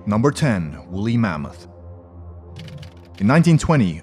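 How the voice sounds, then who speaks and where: Deep-voiced male countdown narrator. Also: a little mellow. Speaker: host and narrator. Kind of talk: scripted list narration.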